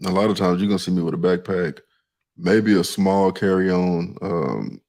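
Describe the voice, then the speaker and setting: Deep gravelly Southern man, laid-back. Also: moderate pace, darkish tone. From Texas. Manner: laid-back, loose, keeps saying "you know what I mean". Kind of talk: casual chat.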